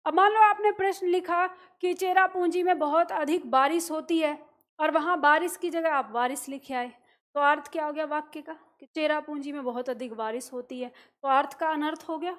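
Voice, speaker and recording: A woman with a high voice teaches a classroom grammar lesson. She explains patiently, asks her students questions and then answers them herself, and she sounds out each letter slowly to demonstrate it.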